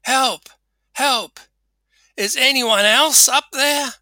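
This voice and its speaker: A man voicing a panicked man clinging to a cliff branch, yelling and pleading for help. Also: extremely high pitch, very slow, dry recording, voice pushed up, heavily acted. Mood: frantic yelling.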